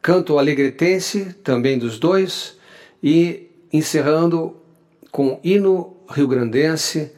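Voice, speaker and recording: A man's voice: fairly high pitch, slow pace, a little mellow. A man from southern Brazil hosting a radio music show, presenting songs in an explanatory, announcer-like way.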